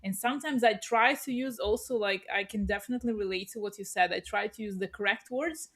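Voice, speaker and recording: A woman's voice: mid-range voice, a little fast, a bit bright. A woman in a casual discussion, talking in a chatty, explanatory way and offering examples as a panel participant. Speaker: panel participant, language learner.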